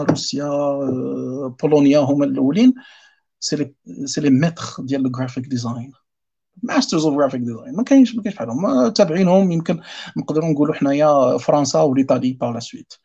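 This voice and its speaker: A man with a Moroccan accent giving an informal lecture in an animated way, often switching between Arabic and French. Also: a little high, vocal fry, husky, dull audio. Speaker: guest speaker giving a talk on film history.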